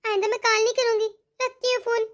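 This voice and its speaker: A woman's voice: very high-pitched, level tone, fast talker. A woman voicing a self-pitying young married daughter in a cartoon, whining and complaining. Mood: whiny. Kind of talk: cartoon dialogue.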